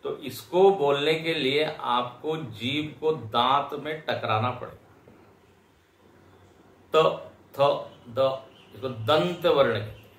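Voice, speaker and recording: A man teaching a lecture class, explaining slowly and patiently and sounding out syllables one by one. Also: mid-range voice, a bit bright. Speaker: Vedanta teacher. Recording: echoey lecture hall.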